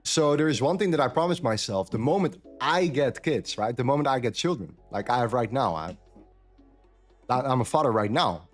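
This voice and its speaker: A man's voice: medium pitch, lively intonation, normal speed, faint music behind. A man from the Netherlands, chatting candidly on a trading live stream and repeating phrases for emphasis. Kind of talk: casual chat on a live stream.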